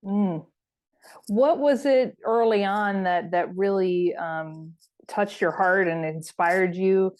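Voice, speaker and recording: A woman hosting an interview in a casual, curious way, asking her guest questions in relaxed phrasing. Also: mid-range voice, slow. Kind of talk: conversational interview.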